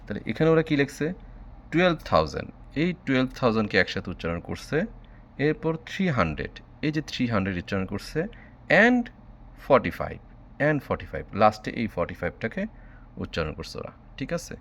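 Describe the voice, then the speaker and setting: A man's voice: on the low side, sing-song, fairly quick, a bit bright. A man from Bangladesh teaching a math lesson online, patiently spelling out number words letter by letter.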